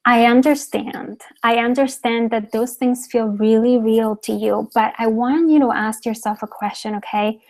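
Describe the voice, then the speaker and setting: A woman's voice: a little high, fairly even intonation, normal speed, hardly any pauses, darkish tone. A woman from Cuba, a business coach giving a motivational webinar talk, repeating herself for emphasis and tagging lines with "okay?". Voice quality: frequent "okay?" tag questions, emphatic repetition.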